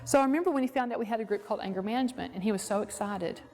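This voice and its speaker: A woman's voice: mid-range voice, rapid-fire, a little mellow. A woman therapist presenting a workshop, talking conversationally and telling stories from her practice. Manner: conversational, storytelling, acts out quoted dialogue. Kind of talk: lecture with personal anecdotes. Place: workshop at a ranch.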